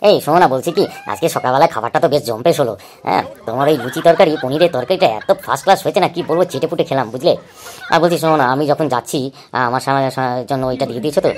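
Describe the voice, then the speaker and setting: A sleepy, food-loving father god from a cartoon, voiced by a woman, deep for her and rattling along very fast. He grumbles and rambles in an easygoing way, over a faint hiss. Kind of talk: cartoon voice acting.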